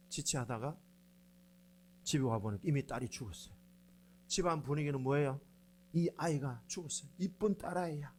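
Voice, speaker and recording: A middle-aged pastor delivers a sermon with a fairly high, lively voice that leaps up and down as he tells stories. He acts out quoted lines and speaks with animated energy. A faint hum sits behind him.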